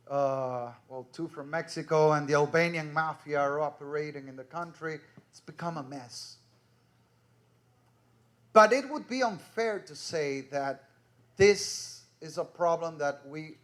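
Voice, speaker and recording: Ecuadorian guy in his 30s, giving a slow earnest conference talk in english, kinda high voice. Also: a bit bright. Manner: earnest, measured, personal anecdotes. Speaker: conference speaker.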